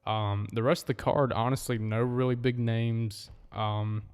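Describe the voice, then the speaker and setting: A man's voice: mid-range voice, level tone, a little slow, darkish tone, clean tone, big-room sound. A man of twenty co-hosting a casual podcast, leading the rundown in an easygoing way with frequent ums. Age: 20s. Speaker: podcast co-host. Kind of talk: casual chat.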